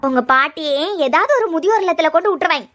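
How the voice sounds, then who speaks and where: A woman voicing a shrill scheming stepmother-to-be. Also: lively intonation, quick pace, fairly bright tone. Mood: threatening. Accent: Kanyakumari Tamil. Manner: scolding, threatening, sneering. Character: scheming young bride-to-be woman, cruel to a stepchild. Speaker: voice artist for a cartoon serial.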